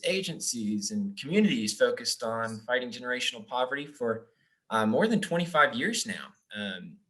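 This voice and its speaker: Young male webinar host, bright and forceful tone, friendly, filler-heavy delivery. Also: mid-range voice. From Japan. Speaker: webinar host, donor relations officer. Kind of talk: hosting a webinar.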